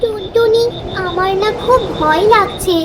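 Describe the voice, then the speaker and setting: A woman's voice: very high voice, a little slow, background noise. A woman voicing a frightened little mermaid. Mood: tearful. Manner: tearful, pleading. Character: frightened young female mermaid. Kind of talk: cartoon voice acting.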